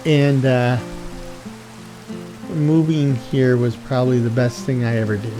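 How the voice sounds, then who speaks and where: Over music, a middle-aged man from the USA, a video game streamer, talks in a flat, mid-range voice at a measured pace. His casual chat meanders, circles back with self-corrections, and turns reflective as it goes on.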